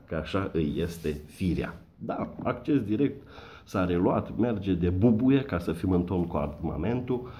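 A man's voice: sits low, mellow, a little hiss or hum. A man delivering a satirical comedy monologue, mocking and sarcastic, full of puns. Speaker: satirical commentator.

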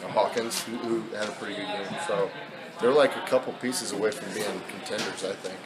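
A man's voice: lowish voice, fairly even intonation, fairly quick, crowd noise, low-quality recording. A man in his thirties, a basketball head coach, talking candidly with many fillers in a postgame press interview. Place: indoor press backdrop at an arena.

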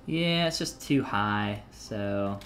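A man's voice: lowish voice, lively intonation, takes it slowly, a bit bright. A man in his thirties, talking casually and joking while he teaches 3D sculpting on a live stream, reading chat messages aloud between steps.

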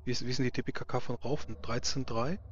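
A man's voice: medium pitch, steady tone, fast, crowd noise. A man narrating a tabletop role-playing game as game master, searching for his descriptions. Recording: slightly muffled mic with faint noise.

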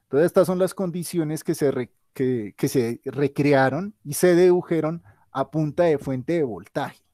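Tired guy teaching online, kinda high voice, dry close sound, keeps fixing what he just said. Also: unhurried, mellow, dry recording. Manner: thinks aloud, corrects himself mid-sentence. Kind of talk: online class with a shared whiteboard.

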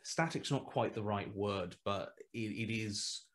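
His voice is lowish and a bit bright, and he speaks a little slowly. The man, a guest writer in his thirties, is talking through a headset on a casual video call interview from a small room at home, thinking aloud with lots of fillers, hesitations, and restarts.

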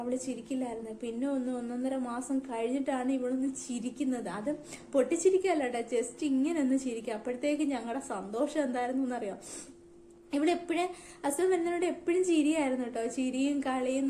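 Middle-aged woman, emotional vlog storyteller; high voice in an echoey room. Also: dark tone, slight background noise. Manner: emotional, repeats "you know" often. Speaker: vlogger, mother. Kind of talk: personal storytelling to camera.

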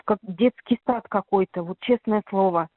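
A woman's voice: mid-range voice, moderate pace, no echo. A middle-aged woman chats casually on the phone. The line is tinny and narrow, with little room sound, and her talk rambles along in everyday slangy language. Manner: rambling, colloquial. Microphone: telephone.

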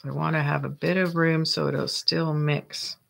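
Delivered flat and at a measured pace, this medium-pitched, creaky voice has a fairly bright tone. It belongs to a Canadian crafting host who narrates playfully and casually, chattering and joking to themselves as they work.

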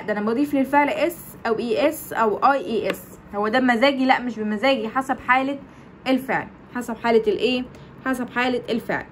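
A woman's voice: on the high side, a bit bright, slight background noise. A woman with an Egyptian Arabic accent teaching English grammar. She asks the class questions, answers them herself and repeats the key points. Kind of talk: explaining grammar lesson.

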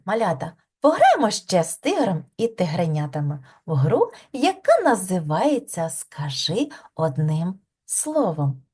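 A woman's voice: medium pitch, a little mellow, slightly rough. A woman teaching a preschool lesson, asking patient questions and praising the children.

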